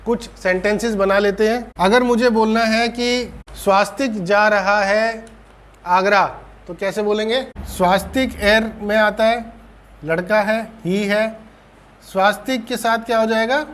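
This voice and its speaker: High-voiced Indian man teaching German. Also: steady tone, fairly bright tone. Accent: Indian Hindi. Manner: patient, repeats and checks with "theek hai?"; slows down to spell out German words. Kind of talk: online grammar lesson.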